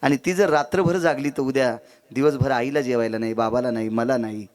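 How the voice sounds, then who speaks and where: A man preacher voicing a humble, tearful male farmer who speaks low and pleading, in a devotional sermon story. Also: steady tone, brisk, lightly acted. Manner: low, subdued, earnest pleading.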